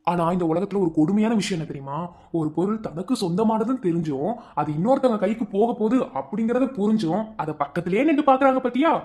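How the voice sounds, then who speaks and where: A man's voice: high voice, lively intonation, quick pace, a little mellow. A man voicing a cruel, vengeful young man in a cartoon love story, speaking in a taunting, menacing way. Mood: gloating menace.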